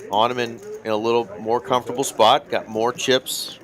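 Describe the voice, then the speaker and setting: A man giving relaxed, chatty color commentary on a live poker stream, reading out viewer comments. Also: medium pitch, moderate pace. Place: poker card room broadcast desk.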